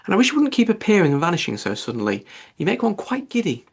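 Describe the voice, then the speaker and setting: A man's voice: high voice, huge pitch swings, quick pace, creaky, husky, voice pushed up, heavily acted. A man voicing a polite, curious young girl in an audiobook, talking in an earnest, questioning way. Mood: exasperated. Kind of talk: audiobook character voice.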